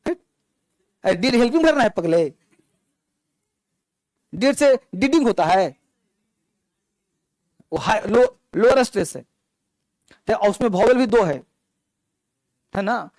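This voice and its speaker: A male teacher, giving a classroom grammar lesson and explaining slowly while he drills his students through repeated examples. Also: high voice, expressive, darkish tone, no room sound, rough recording.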